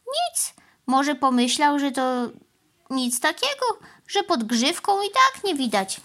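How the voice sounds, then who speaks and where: A plaintive mother cow from a children's storybook, lowing and pleading as she talks about her injuries, as a woman reads her. Her voice sits very high and thin, well above an ordinary speaking voice. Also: big pitch swings, takes it slowly, fairly bright tone, heavily acted. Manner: lowing "moo" interjections, plaintive.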